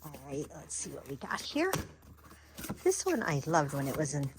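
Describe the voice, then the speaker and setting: A woman's voice: deep voice, moderate pace, very noisy. A woman chatting casually on camera as she unboxes craft supplies, gasping and gushing over each item. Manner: gasping, excitable, chatty with restarts. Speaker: crafting vlogger.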